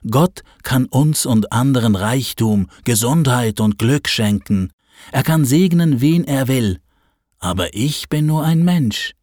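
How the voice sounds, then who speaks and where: A man's voice: mid-range voice, animated, takes it slowly, a little mellow, no room sound, studio quality, pitched above the performer's own voice. A man voicing a stern, frail, blind old father in a Bible story. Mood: firm. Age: older.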